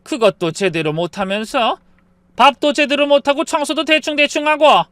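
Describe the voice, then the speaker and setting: Brief: bossy older mother-in-law in a storybook reading, voiced by a man, high and clean, belittling. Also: steady tone, moderate pace, sharp tone, smooth, no echo. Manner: cold, belittling scolding. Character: scornful older woman, domineering mother-in-law.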